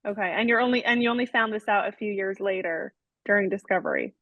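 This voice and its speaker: A woman's voice: mid-range voice, fast talker, no echo. A woman interviewing a guest, asking pointed questions with an emphatic, incredulous manner. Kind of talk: conversational interview. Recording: dry, dull lo-fi audio.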